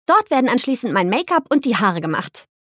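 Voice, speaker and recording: A woman voicing a rich, warm-hearted young woman who talks eagerly and sincerely, a little higher than her narration. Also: sing-song, fairly quick, husky, no room sound, clean studio sound, exaggerated voice. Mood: matter-of-fact.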